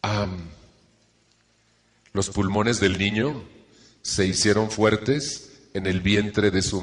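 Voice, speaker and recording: A man's voice: on the low side, in a large hall. A middle-aged man, giving an earnest self-help talk to a live audience and checking in with rhetorical questions.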